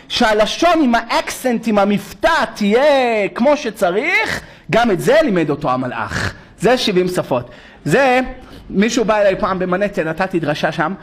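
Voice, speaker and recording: A rabbi giving a humorous sermon in a synagogue, animated and full of jokes and impressions. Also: male voice, very high-pitched.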